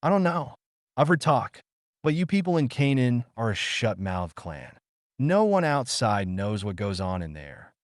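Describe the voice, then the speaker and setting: A man's voice: medium pitch, very animated, a little slow, no room sound. A frightened man stammers out his words in a raised, uneasy voice, as a narrator voices him. His speech wavers widely and sounds close and dry. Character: nervous, frightened man at a lantern.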